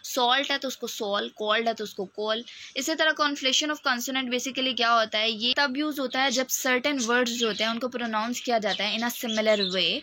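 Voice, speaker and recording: A woman's voice: fairly high pitch, fairly even intonation, moderate pace, hardly any pauses, sharp tone. A woman teaching a lecture, explaining each point step by step and often checking in with "okay". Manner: explains step by step, often says "theek hai". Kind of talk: recorded lecture explaining topics.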